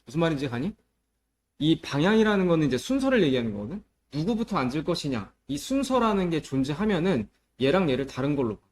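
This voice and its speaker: Lively male math teacher, step by step. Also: on the high side, fast. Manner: explains step by step and checks understanding with repeated questions; mixes polite speech with casual speech to students. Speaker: middle school math teacher. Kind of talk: classroom math lesson.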